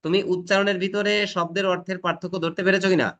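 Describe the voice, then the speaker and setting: A man teaching a classroom lecture, demonstrating pronunciation with loud emphatic stresses and often asking students if they follow. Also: high voice, level tone, racing, lo-fi sound.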